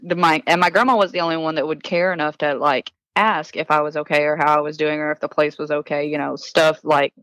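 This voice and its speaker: A woman's voice: low-pitched, fairly even intonation, a little fast, hardly any pauses, fairly bright tone, dry recording, poor audio. A woman recounting her past plainly and earnestly as a guest in a casual interview. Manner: earnest, matter-of-fact recounting. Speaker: podcast guest.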